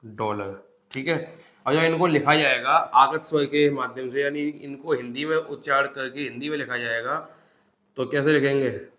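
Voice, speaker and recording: A man teaches Hindi grammar for exam prep, asking the class questions and answering them himself. He repeats key terms over and over and calls the students "bhai". His mid-pitched voice rings in a roomy, echoing space. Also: steady tone, normal speed, pushed and bright. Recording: echoey room.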